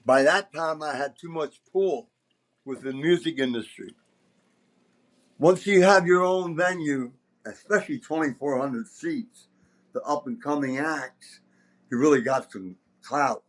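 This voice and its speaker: This older man, around seventy, hosts a podcast where he spins loose, forceful, foul-mouthed anecdotes from his days promoting concerts. His pitch leans high, he takes his time, and the audio quality is poor.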